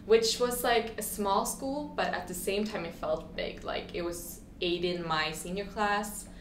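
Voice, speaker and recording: Telling her story as a casual interview guest, this twenty-something Swede has a medium-pitched voice and a slightly slow delivery. She restarts often, says "like" a lot, chats freely, and acts out what people said. An echoey room adds faint ambient noise.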